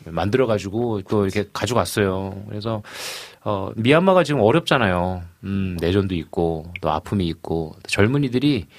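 Rambling low-voiced male pastor. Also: lively intonation, normal speed, few pauses, dry recording. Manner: rambling, many fillers and repeated words. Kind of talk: casual podcast chat.

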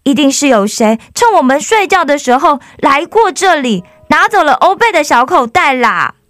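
Woman as a brash curious young girl, high and loud. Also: measured pace, no room sound. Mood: excited. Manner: loud, excitable and exclaiming. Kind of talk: storybook reading.

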